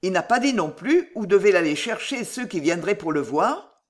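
A reader voicing a tactful, calm colonel asking measured questions. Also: mid-range voice, natural voice. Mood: inquiring.

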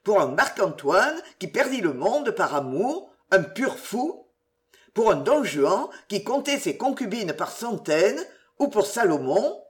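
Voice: mid-range voice, big pitch swings, measured pace. A reader voicing a crafty, pompous old Scottish inn waiter who preaches with mock virtue.

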